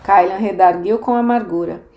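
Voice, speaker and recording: A woman narrating a novel as an audiobook, reading in a calm, steady way. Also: medium pitch, normal speed, muffled recording. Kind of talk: scripted narration. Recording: roomy echo, faint music.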